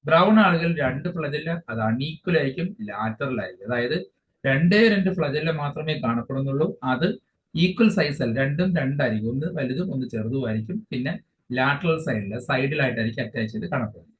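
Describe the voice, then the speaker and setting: A man teaching an exam-focused biology lesson, explaining each English term again in his own words and often pausing mid-phrase. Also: mid-range voice. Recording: dull lo-fi sound with faint hiss.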